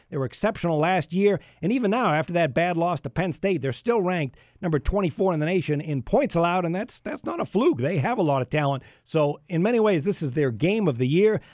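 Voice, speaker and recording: Slightly high-voiced male football betting analyst. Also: a little mellow, dry recording, studio quality. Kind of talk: football pick commentary on radio.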